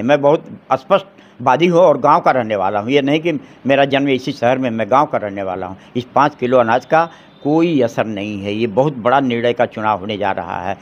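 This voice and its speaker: A middle-aged man, an advocate giving forceful political opinions in an interview, firing off rhetorical questions and restarting his phrases. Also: mid-range voice, muffled recording.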